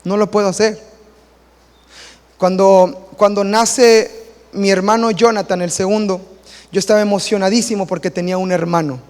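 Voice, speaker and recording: A man, a pastor preaching a sermon in a church, lively and acting out quoted voices and little stories. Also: high voice, moderate pace, pauses often, long reverb tail. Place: church hall.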